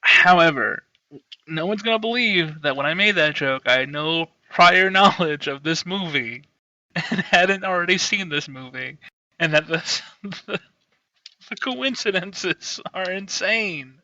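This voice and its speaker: A man with a fairly high, very bright, edgy voice, recorded on a dry, muffled lo-fi mic. He co-hosts a casual comedy podcast, talking wryly and laughing through his sentences. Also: expressive, measured pace, dry recording. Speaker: podcast co-host. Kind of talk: casual comedic film review chat.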